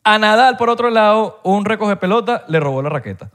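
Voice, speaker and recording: A man's voice: high-pitched, a little fast. A man with a Venezuelan accent chatting casually as a podcast co-host, telling slangy stories and acting out other people's voices. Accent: Venezuelan Spanish. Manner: animated storyteller who acts out other people's voices; slangy, swears freely. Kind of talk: casual chat.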